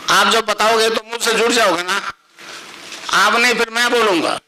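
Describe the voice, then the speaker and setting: A man's voice: sits high, steady tone, moderate pace, pushed and bright, a little hiss or hum, poor audio. A man speaking as a spiritual guru to his followers, plain-spoken and repetitive, at times leading the listeners through a chanted mantra.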